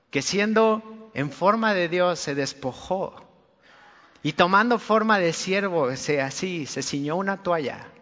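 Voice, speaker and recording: High-voiced preacher in a reverberant hall. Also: male voice, fairly bright tone. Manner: colloquial, earnest, addresses listener directly. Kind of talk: conversational sermon. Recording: long reverb, dull lo-fi sound.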